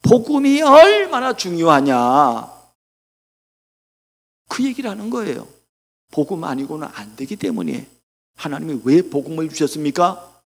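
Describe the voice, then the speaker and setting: An older man preaching a sermon, telling lively anecdotes and acting out the people in them. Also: fairly high pitch, brisk, gravelly, husky. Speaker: pastor. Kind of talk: sermon with storytelling. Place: church sanctuary. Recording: long church reverb.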